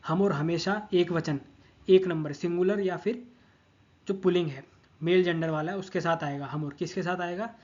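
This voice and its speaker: A patient male language teacher, walking through grammar step by step. He repeats each word over and over and keeps checking in with the listener. His voice sits a bit high, and the recording sounds slightly dull. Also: steady tone, moderate pace, a little mellow. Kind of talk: explaining grammar over a screen of notes.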